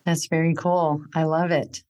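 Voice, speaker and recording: A woman's voice: sits low, little pitch movement, a little slow, darkish tone, dull audio. A woman hosting an interview, asking curious questions and answering with short, encouraging replies. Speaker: podcast host. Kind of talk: casual interview chat.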